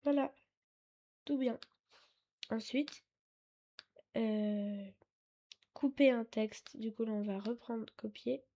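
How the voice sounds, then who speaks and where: Woman, casual tech tutorial, hesitant, filler-heavy, slightly high pitch, slow delivery. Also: warm tone. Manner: hesitant, halting, full of fillers and self-corrections; apologetic and chatty. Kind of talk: casual screen-recorded tutorial. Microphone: desktop mic, sometimes too far away.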